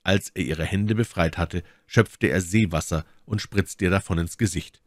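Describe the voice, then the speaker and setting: A man reading a classic novel aloud as a narrator, with expressive, dramatic narration. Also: low-pitched, normal speed, dry recording, clean studio sound. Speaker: audiobook narrator.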